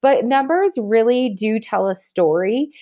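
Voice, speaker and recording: A woman's voice: fairly high pitch, measured pace. Upbeat chatty woman podcast guest. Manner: energetic, chatty, laughs often. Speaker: guest, marketing agency CEO. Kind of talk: podcast interview.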